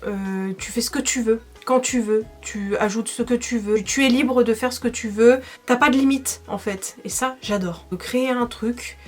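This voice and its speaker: A woman's voice: a little high, moderate pace, few pauses, a little mellow, soft background music. Chatty young French woman vlogger. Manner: chatty, enthusiastic, many fillers and laughs. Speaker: makeup vlogger answering viewer questions. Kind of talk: casual chat to camera.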